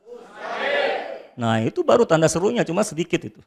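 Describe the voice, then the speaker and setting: A male pastor preaching a sermon, asking the congregation rhetorical questions and swinging between quiet talk and shouted answers. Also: a little high, very animated, racing, creaky, slightly rough, a faint crowd.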